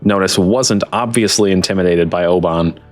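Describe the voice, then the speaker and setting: Low-voiced man narrating a tabletop game. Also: moderate pace, no room sound, soft background music. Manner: informal, chatty, slangy. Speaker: game master.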